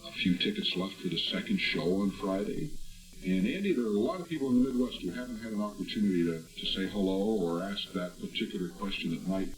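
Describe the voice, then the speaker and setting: Smooth, fast-talking radio host man. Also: low voice, animated. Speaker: radio call-in show host. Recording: roomy echo, distant mic, music underneath.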